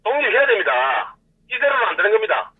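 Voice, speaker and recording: Man, Gyeongsang dialect, high husky voice, heated repetitive rant, tinny distant phone line. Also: very animated, quick pace. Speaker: caller. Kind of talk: call-in rant. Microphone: telephone.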